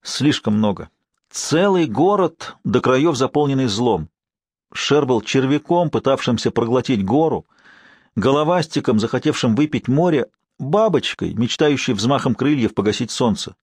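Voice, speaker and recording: A man narrating a fantasy audiobook in a steady, expressive reading. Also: mid-range voice, moderate pace, no room sound, clean studio sound. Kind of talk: scripted narration.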